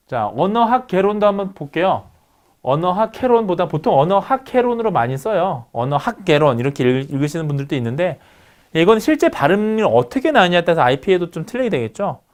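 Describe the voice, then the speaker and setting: A man lecturing on phonetics, asking his students questions and answering them himself as he works through examples. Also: a little high. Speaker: university lecturer.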